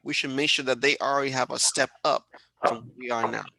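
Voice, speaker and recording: Mężczyzna prowadzący webinar przez połączenie wideo, mówi z kaznodziejskim zapałem i powtarza hasła dla podkreślenia. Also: male voice, mid-range voice, fairly even intonation, a little fast, gravelly, heavy background noise. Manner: preachy, rallying, repeats for emphasis. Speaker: host. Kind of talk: motivational webinar hosting. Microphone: video call.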